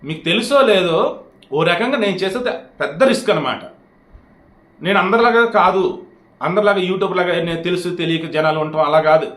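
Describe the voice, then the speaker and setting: This is direct-to-camera political commentary from an Indian man whose high, slightly bright voice moves at a moderate pace. He sounds heated and reproachful, peppering his audience with rhetorical questions, with echo filling the recording.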